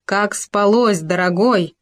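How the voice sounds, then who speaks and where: A woman's voice: mid-range voice, animated, normal speed, lightly acted. A woman voicing a pompous male hamster who puts on sugary, affected foreign manners.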